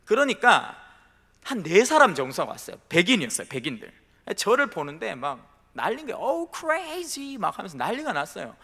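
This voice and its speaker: A man's voice: high voice, very animated, a little fast, bright, forceful tone, husky, long reverb tail. A male pastor preaching a sermon in church, telling a personal story and addressing the congregation directly with emphasis. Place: church sanctuary.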